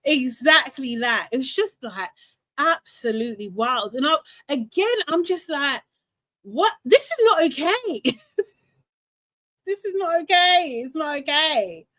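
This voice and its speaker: A woman chatting casually about a reality show, animated and exasperated, laughing often. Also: high voice, a little slow, no room sound. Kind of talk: casual recap chat.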